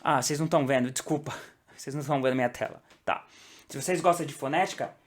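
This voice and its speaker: A man teaching English pronunciation in a casual online lesson. He keeps checking in with the viewer and slows down to model each sound. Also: medium pitch.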